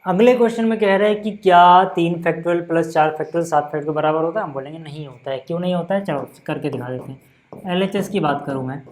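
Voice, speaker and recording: A young man teaching a casual maths lesson, patient and chatty, checking in often and slowing down to count out each step. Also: a little high. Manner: slows down to count out steps.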